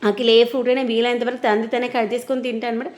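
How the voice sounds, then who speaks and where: A woman's voice: a little high, level tone, rapid-fire, a little mellow. A woman chatting casually and explaining things to viewers as a vlogger. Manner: explanatory, conversational. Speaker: vlogger and mother.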